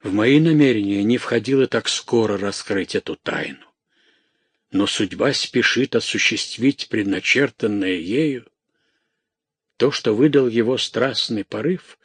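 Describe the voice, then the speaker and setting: A solemn old friar speaks with firm, measured resolve, voiced by a male narrator. The delivery is slow and husky, recorded dry and close. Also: on the low side, expressive, no echo. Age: older.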